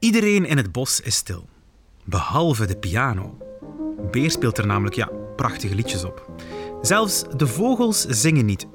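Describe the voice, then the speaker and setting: Animated male storybook reader. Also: medium pitch, unhurried, music in the background. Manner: expressive, playful asides. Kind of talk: reading a picture book aloud to children.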